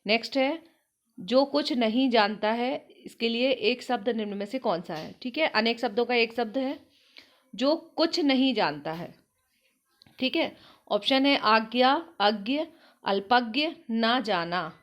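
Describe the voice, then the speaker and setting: A woman's voice: on the high side, lively intonation, measured pace, lo-fi sound. A woman teaching an online exam-prep lesson, working through questions and explaining them step by step with frequent check-ins. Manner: explanatory, repeats "ठीक है" often.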